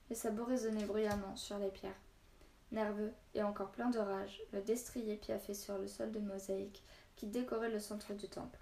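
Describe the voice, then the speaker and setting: A woman reading a children's novel aloud, steady and expressive, voicing the dialogue. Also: mid-range voice, reverberant. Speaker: storyteller.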